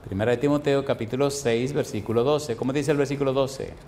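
Preaching to his congregation, a male pastor repeats phrases and asks rhetorical questions, alternating soft slow sections with loud high emphasis, though his intonation stays fairly even overall. The sermon carries a little hiss or hum.

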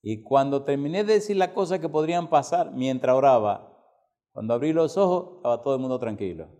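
A man's voice: medium pitch, lively intonation, a little fast, warm tone. A man preaching a sermon, asking the congregation questions and telling a funny story. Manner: asks the congregation questions and tells stories with humor. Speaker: pastor.

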